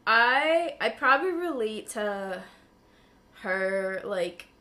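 A young adult woman with a raspy, hoarse voice like a smoker's, partly lost from flu, chatting casually in a wry, self-deprecating way. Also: fairly high pitch, lively intonation, takes it slowly, sharp tone. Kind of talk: casual chat.

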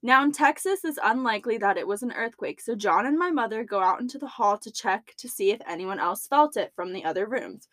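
A woman's voice: on the high side, lively intonation, fairly quick, hardly any pauses, fairly bright tone, no echo. A young woman co-hosting a podcast, reading a story aloud and chatting casually, laughing between lines. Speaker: podcast co-host.

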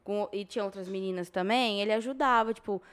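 A woman's voice: mid-range voice, quick pace, a bit bright, clean tone. A young adult woman with a Brazilian Portuguese accent, telling her story casually as an interview guest, in slangy speech that acts out past dialogue.

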